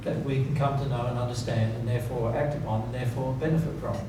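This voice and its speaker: Speaking quickly with a steady tone and medium pitch, a man gives an audience an informal, emphatic talk on spiritual principles, repeating key words and asking rhetorical questions to verify they follow along. The distant mic catches a very echoey, noisy seminar room.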